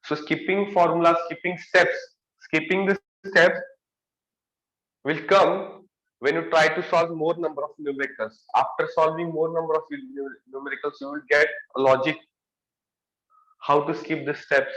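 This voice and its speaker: A man's voice: fairly high pitch, little pitch movement, moderate pace, a bit bright, reverberant, low-quality recording. A young man with a Marathi accent giving an exam-prep lecture, repeating key phrases and stressing words. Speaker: engineering lecturer.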